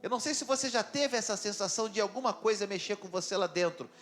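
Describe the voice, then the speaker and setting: Male pastor, very high voice, dramatic conversational sermon. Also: quick pace, a bit bright, faint music behind. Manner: dramatic, conversational, with questions to the congregation. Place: church.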